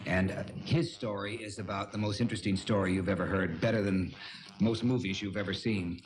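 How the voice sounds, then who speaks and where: A man hosting a television talk show, jovial and teasing, with frequent filler pauses. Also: fairly low pitch, fairly even intonation, low-quality recording.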